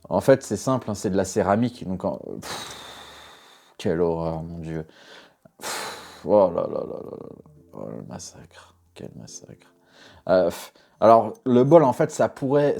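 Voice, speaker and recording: Low mellow-voiced man reacting bluntly. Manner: blunt, exasperated, swears and laughs often. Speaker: knife sharpener. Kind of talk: casual reaction commentary.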